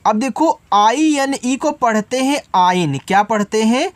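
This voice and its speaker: A man's voice: very high voice, measured pace, dry recording. A man teaching English spelling step by step, patiently spelling out letters and asking then answering his own questions.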